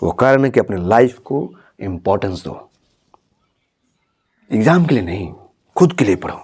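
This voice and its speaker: A man's voice: on the low side, very animated, a little slow, a little mellow, husky. Male teacher, encouraging, motivational, asks checking questions. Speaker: teacher and counselor. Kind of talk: motivational talk to a student.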